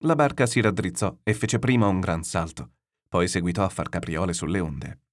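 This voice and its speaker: A man narrating a classic novel aloud in a steady, descriptive storytelling manner. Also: low voice, moderate pace. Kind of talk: literary read-aloud narration.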